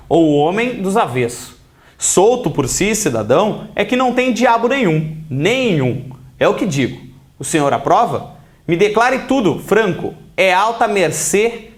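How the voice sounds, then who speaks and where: Brazilian guy teaching a grammar class, talks high and bouncy. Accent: Brazilian Portuguese. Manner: animated, explains by asking and answering questions. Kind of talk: exam-prep lesson.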